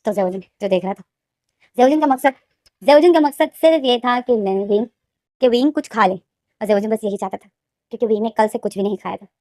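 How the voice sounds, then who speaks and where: A woman casually retelling a fan-fiction story, talking rapidly and repeating names and phrases. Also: on the high side, mellow, dry recording, studio quality.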